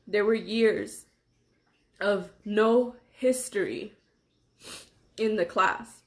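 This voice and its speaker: A young woman from Los Angeles, speaking earnestly in a personal monologue to camera, pausing between phrases. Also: mid-range voice. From Los Angeles, USA. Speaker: vlogger.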